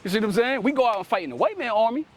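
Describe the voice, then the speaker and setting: Outdoors in a city, a man preaches street-teaching style in a very high, expressive, racing voice. He ends nearly every sentence with "right?" and commandingly calls on a helper to read.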